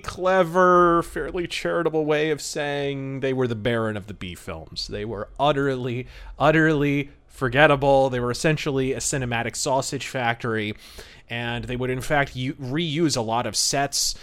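Smooth and fairly bright, a man's mid-range voice carries his podcast commentary, which is semi-scripted, emphatic and theatrical, with flowery word choices.

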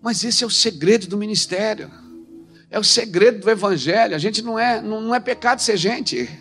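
Male preacher, high-pitched, emphatic, soft-to-shouting sermon delivery over faint music. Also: brisk. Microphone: handheld microphone.

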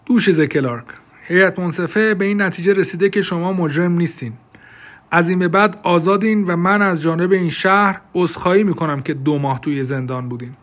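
A man's voice: high-pitched, fairly bright tone, voice pushed up. A man voicing a stern male trial judge who gives a firm, formal courtroom ruling in an audiobook.

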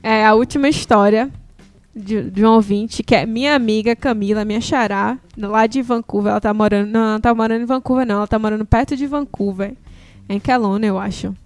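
A woman's voice: on the high side, steady tone, fast talker, no room sound. A Brazilian woman co-hosting a podcast in casual chat, reading out a listener's story. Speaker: podcast co-host.

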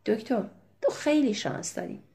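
A woman reading aloud voices a gruff middle-aged male farm chairman who speaks loudly and bluntly. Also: fairly high pitch, lively intonation, voice pushed up, natural voice. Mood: wry.

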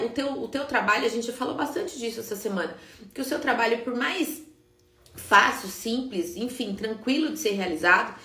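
A woman, a business coach giving an animated live-stream talk to party decorators, often tagging her sentences with "né?". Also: a little high, roomy sound. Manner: animated, emphatic, frequent "né?" tags.

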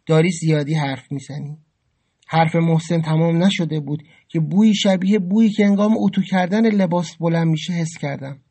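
A man's voice: a little high, hardly any pauses, warm tone. A man narrating his own story in the first person in an emotive, dramatic way. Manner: emotive, dramatic, rising with anger.

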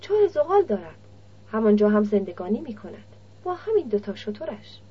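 A woman's voice: medium pitch, sing-song, husky. A woman reading the lines of a blunt, guarded young male nomad camel driver in an audiobook. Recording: dull lo-fi recording.

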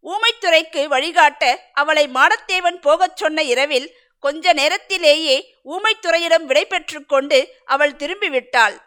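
Storybook narrator: woman, bright and sharp tone, dramatic measured reading. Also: high voice.

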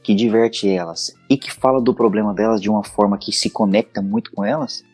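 A man with a Brazilian accent talks casually as a podcast guest, slipping into acted-out scenes while he explains. His voice is slightly husky, with faint music in the background. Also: lowish voice, brisk. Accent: Brazilian Portuguese. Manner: animated storyteller acting out scenes. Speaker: podcast guest, intimate audio creator.

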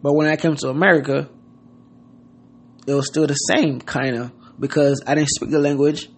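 In a casual motivational monologue, a podcast host from Haiti speaks earnestly and loosely, leaning heavily on "you know what I mean." His pitch is fairly high, his tone steady and his speed normal.

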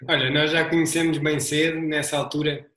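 A man's voice: on the high side, level tone, brisk, fairly bright tone, roomy sound. A man with a European Portuguese accent hosting an interview, asking questions in a teasing, joking way. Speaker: podcast host. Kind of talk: casual interview chat.

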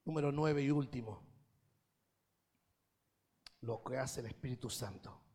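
A male pastor delivering a Sunday sermon, shifting between quiet reflection and impassioned, emphatic preaching. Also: mid-range voice, a little slow, husky. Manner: impassioned preaching that swells to loud emphatic peaks. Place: church service.

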